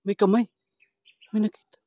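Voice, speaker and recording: A man vlogging a paranormal hunt at night, whispering asides to viewers and calling loudly into the dark. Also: moderate pace, no room sound, lo-fi sound. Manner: hushed asides to viewers, loud calls into the dark. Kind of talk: ghost-hunting vlog narration.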